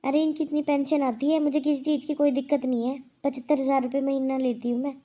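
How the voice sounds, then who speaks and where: A woman voicing a proud elderly aunt who scolds loudly and with indignation in a cartoon. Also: high-pitched, little pitch movement, fast, dull audio, close to an everyday voice. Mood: indignant.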